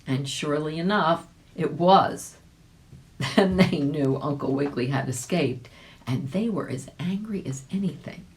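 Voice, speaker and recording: A volunteer with a low voice reads a children's storybook at an unhurried pace. She keeps it chatty, slipping in casual asides and little questions for the listener.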